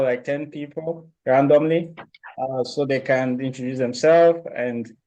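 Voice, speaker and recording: A man hosting an online video meeting, speaking slowly with many pauses and fillers. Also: mid-range voice, darkish tone, low-quality recording. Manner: slow, halting, many fillers. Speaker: meeting host.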